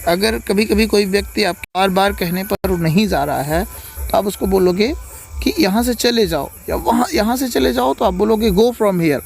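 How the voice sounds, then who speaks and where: A man teaching spoken English phrases in a lesson, explaining in Hindi and repeating each English line slowly several times. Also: high-pitched, gravelly, faint music behind.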